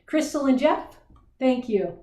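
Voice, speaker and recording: Higher-pitched woman hosting, with roomy echo. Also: expressive, takes it slowly, mellow. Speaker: webinar host. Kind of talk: informal spoken introduction. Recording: roomy, echoing sound.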